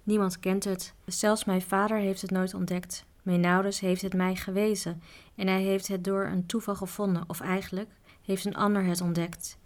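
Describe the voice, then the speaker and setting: A woman's voice: medium pitch, normal speed, close to an everyday voice. Piak, a woman reading as an eager mountain boy. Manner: excited, whispering softly at times.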